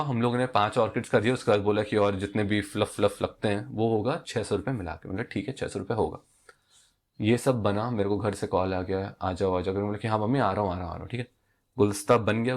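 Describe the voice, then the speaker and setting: Young male vlogger, casual storytelling, animated, acts out both sides of dialogue. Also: fairly low pitch, fast.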